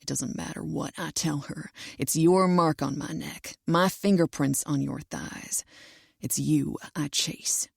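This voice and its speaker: A woman's voice: unhurried, creaky, husky, no room sound, clean studio sound, exaggerated voice. A woman growling as a domineering cowboy. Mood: possessive. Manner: low commanding growl.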